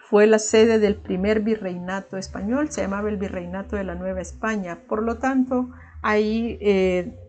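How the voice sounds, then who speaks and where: A woman's voice: mid-range voice, mellow. A woman teacher from El Salvador with a Salvadoran Spanish accent, giving a recorded online class in an explanatory way, often adding tag questions and fillers.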